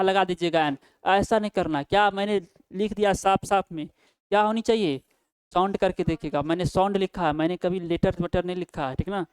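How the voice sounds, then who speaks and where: Male grammar teacher, smooth voice, asks and answers his own questions. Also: high-pitched, no room sound. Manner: asks questions and answers them himself, with frequent "ठीक ना?" tag checks. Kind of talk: Hindi-language English grammar lesson.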